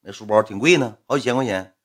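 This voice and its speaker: A man's voice: on the low side, quick pace, slightly rough. A young man with a Northeastern Mandarin accent telling a story to an audience in a blunt, colloquial way, swearing now and then and voicing both sides of the dialogue. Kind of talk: casual spoken storytelling to an audience.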